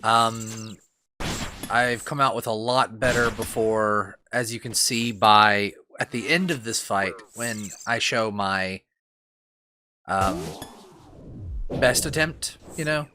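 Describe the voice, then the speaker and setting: A man's voice: lowish voice, slow, background noise. A man with a lingering cough talks over his gameplay as a voice-over, rambling and self-deprecating, with lots of fillers and restarts. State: lingering cough, itchy throat. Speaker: gaming channel host.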